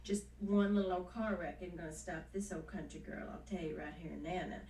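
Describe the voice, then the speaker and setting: An actress playing a hopeful country singer wife in a television soap, with a Southern American accent and folksy determination. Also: female voice, lowish voice, steady tone, a little fast, warm tone, natural voice. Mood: plucky, hopeful. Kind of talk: television soap opera acting. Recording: roomy, distant, hissy 1970s TV soundtrack.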